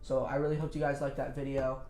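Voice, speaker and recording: A man's voice: mid-range voice, level tone, fast, darkish tone. A man giving enthusiastic, chatty card magician patter as he demonstrates and explains a trick step by step. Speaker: host of a card trick tutorial show. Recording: echoey room with music behind.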